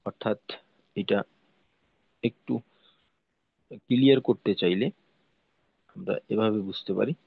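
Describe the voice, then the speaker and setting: A man's voice: on the low side, measured pace, creaky, pauses often, husky, no echo, phone-quality sound. A man teaching the pronunciation of Arabic letters in a lesson, patiently repeating his points and demonstrating each sound. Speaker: Quran recitation teacher.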